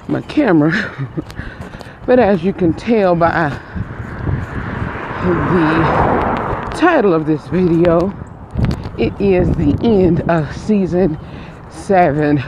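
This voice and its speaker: Walking down a street outdoors, a man in his twenties vlogs casually through an earbud headset mic, rambling and often restarting. His voice sits high, and the audio is dull with a noisy background.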